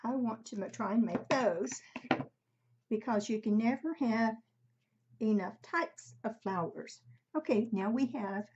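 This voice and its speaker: Husky older woman, slightly muffled. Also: on the high side, darkish tone. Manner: halting, unhurried, conversational. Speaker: craft tutorial host. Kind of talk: casual craft demonstration. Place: home craft room, indoors. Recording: slightly dull, muffled sound.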